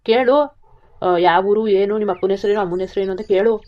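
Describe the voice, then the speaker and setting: A woman's voice: medium pitch, moderate pace, close to an everyday voice. A woman voicing a blunt, practical grown village son who asks questions. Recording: dull lo-fi recording.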